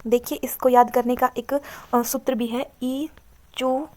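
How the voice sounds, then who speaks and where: Flat-voiced woman teaching a grammar lesson. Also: high-pitched, unhurried. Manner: repetitive, calls viewers to look at the chart. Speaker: Sanskrit teacher. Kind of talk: exam-prep grammar lesson.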